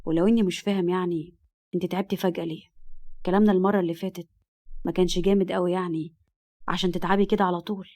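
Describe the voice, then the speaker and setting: A woman's voice: fairly low pitch, fairly even intonation, fast talker, pauses often, a little mellow. A woman with an Egyptian accent voicing a smug, arrogant rich man in his thirties who talks in a cold, condescending, slyly polite way. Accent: Egyptian Arabic.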